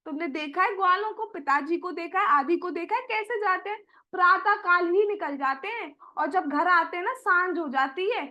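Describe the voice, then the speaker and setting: एक महिला की आवाज़ में ममता भरी मैया अपने लल्ला को प्यार से समझाती है। आवाज़ ऊँची और तीखी-चमकदार है, और बोलने में दुलार और चिंता दोनों हैं।. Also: female voice, very high voice, normal speed, bright, forceful tone, highs cut off. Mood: worried. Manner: fond and coaxing, addressing her son. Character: loving, worried mother Yashoda.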